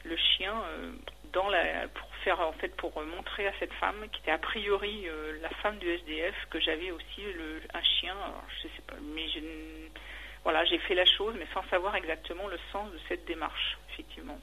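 A woman calling in to a radio show, steadily recounting a dream and then answering in a hesitant, halting way. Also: lowish voice, fairly even intonation, gravelly, pushed and bright, husky, rough recording. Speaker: caller describing a dream. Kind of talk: radio call-in.

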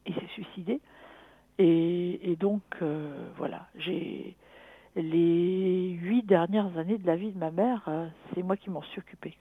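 A middle-aged woman heard over a narrow, tinny phone connection. She talks as a caller in a personal conversation, reflective and halting as she thinks aloud. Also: lowish voice, steady tone. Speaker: caller consulting a dream analyst.

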